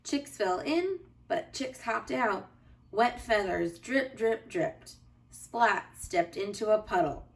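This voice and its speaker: Speaking from far off the mic at a medium pitch, a teacher reads a kids' storybook to young listeners. Her delivery is careful and expressive.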